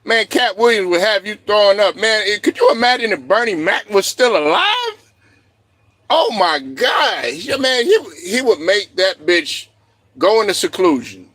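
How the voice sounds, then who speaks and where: A man hosting a livestream, ranting loudly and profanely and laughing as he goes. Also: sits high, sing-song, a little slow, dry recording. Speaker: streamer host. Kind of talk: livestream rant.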